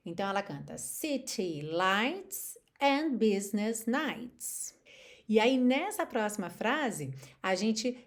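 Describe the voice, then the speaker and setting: A Brazilian woman in her thirties teaching an English lesson through a song, expressive and lively, singing short lines to demonstrate pronunciation. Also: medium pitch, takes it slowly.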